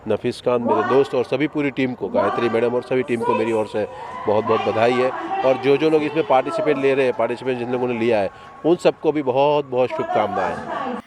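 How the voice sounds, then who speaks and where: Indian guy, mid pitched, formal congrats speech at outdoor event, loud crowd behind him. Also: brisk, heavy background noise. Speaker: guest politician.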